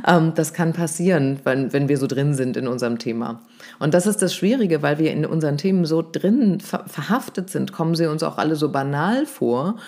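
A voice coach explaining speaking technique in a casual conversation, lively and explanatory, often checking in with "ne?". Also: mid-range voice, a little fast. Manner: explanatory, lively, demonstrates stresses with exaggerated emphasis; uses fillers like "ne?" and "ja?".

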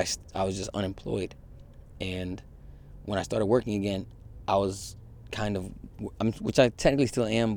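A man's voice: fairly low pitch, creaky, darkish tone. A man in a candid confessional monologue, rambling with many fillers and some swearing. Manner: rambling, heavy use of fillers and profanity. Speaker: vlogger.

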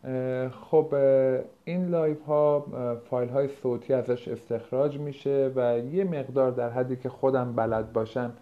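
Guy doing a coaching podcast, medium pitch, explains stuff casually w lots of uh pauses, muffled low bitrate lo-fi audio. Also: fairly even intonation. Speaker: productivity coach and podcast host. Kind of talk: informal explanatory podcast talk. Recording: low-bitrate, dull lo-fi home-edited audio.

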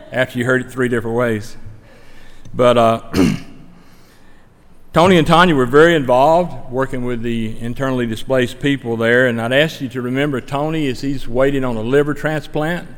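Speaking at a moderate pace in a medium-pitched voice, a man from Stokes County, North Carolina, with the accent to match, presents a mission trip report to a church. He talks plainly, earnestly, and in a folksy, conversational way over slides, with long hall reverb on the audio.

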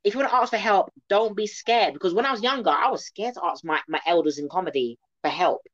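A woman, a comedian talking in an animated, playful way with casual slang. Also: medium pitch, fast talker, no echo. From England. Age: 20s. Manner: animated, playful, uses slang like innit and man. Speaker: guest comedian. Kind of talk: casual interview chat. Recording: slightly dull lo-fi sound.

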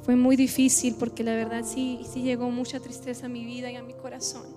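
Woman, 30s, high voice, halting and heartfelt testimony in church over faint music. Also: completely flat delivery. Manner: heartfelt, halting, repeats phrases. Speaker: church member giving testimony.

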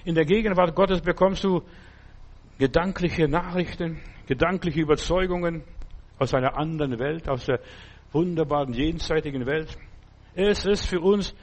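A man's voice: a little high, moderate pace. A man preaching a sermon, emphatic and repetitive, often turning to the listener to ask if they understand. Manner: addresses listener directly with "verstehst du?".

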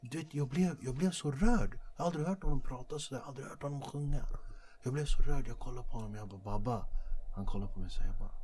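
A comedian in his forties hosts a casual chat and tells family stories with animated energy. He laughs often, drops slang, and speaks in a mid-range male voice. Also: mid-range voice, slight background noise. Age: 40s. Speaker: comedian and podcast host.

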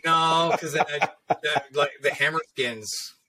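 A man co-hosting a casual podcast chat, telling stories in an animated way, swearing freely and laughing often. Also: fairly high pitch, unhurried. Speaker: podcast co-host, tattoo artist.

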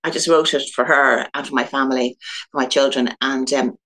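A woman's voice: rumbling low, fairly even intonation, fairly quick, a bit bright. A woman from Dublin with an Irish accent, a guest author chatting casually in an interview, rambling through stories and laughing often. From Ireland (Dublin).

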